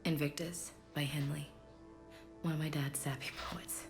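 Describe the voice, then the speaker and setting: An actress playing an earnest, proud and grieving female soldier in a video game, with a slightly gravelly voice. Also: deep voice, flat delivery, a little slow, faint music behind. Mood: quiet, resolved. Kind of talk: video game dialogue acting.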